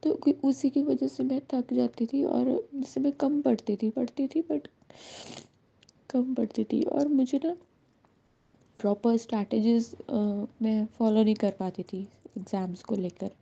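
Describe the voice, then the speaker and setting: A woman's voice: on the high side, steady tone, unhurried, vocal fry, dark tone, slightly rough. A woman in her thirties giving an earnest personal testimony to a devotional gathering, slipping English words into her speech. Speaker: satsang devotee sharing a blessing. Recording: dull lo-fi recording.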